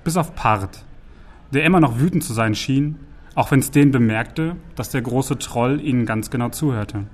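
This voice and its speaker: A man narrating a fantasy audiobook in an even, measured storytelling manner. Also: mid-range voice.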